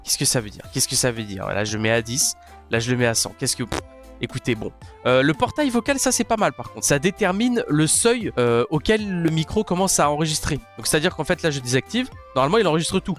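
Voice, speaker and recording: Rapid, foul-mouthed man rambling through a gear review on a headset mic. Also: a little high, expressive, soft background music. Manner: crude, joking, rambling. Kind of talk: casual product review. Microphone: gaming headset mic.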